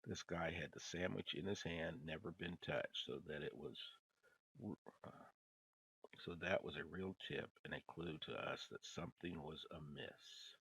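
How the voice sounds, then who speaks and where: An older man with a folksy, rambling grandpa voice, gravelly and husky, casually reading news headlines and commenting on them. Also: extremely low pitch, unhurried, a bit bright, poor audio.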